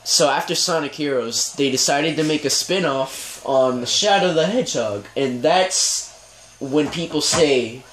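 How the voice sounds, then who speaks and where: A man's voice: a little high, measured pace, a bit bright. Opinionated young man in an echoey room. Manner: opinionated, rambling, hedges with "I mean". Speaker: podcast host. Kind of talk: casual gaming discussion. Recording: echoey room with faint noise.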